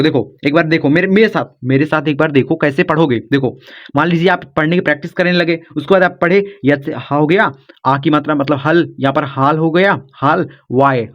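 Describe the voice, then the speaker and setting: A man's voice: fairly high pitch, highs cut off. A man giving a casual spoken lesson as a teacher, patient and repetitive, coaxing his students along. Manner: repetitive, coaxing, says "dekho" and "yaar" often.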